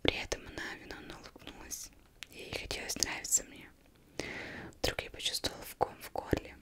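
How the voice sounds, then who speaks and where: A young woman reading a novel aloud as ASMR in a breathy, unvoiced whisper, very close, as if right in the listener's ear. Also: fairly quick, a bit bright. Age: young adult. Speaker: ASMR reader. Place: indoors, plain studio backdrop. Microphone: close microphone.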